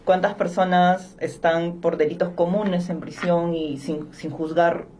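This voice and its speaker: Lady hosting a podcast, lowish voice, chatty, jumps in with little uh-huhs, faint hiss. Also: fairly even intonation, unhurried, darkish tone. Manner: conversational, interjecting with short affirmations. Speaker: podcast host.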